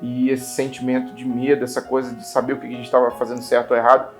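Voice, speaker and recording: A man in his twenties, interviewed for a documentary, speaking in a halting, thoughtful way with many restarts. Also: medium pitch, completely flat delivery, soft background music. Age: 20s. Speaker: interviewee, father.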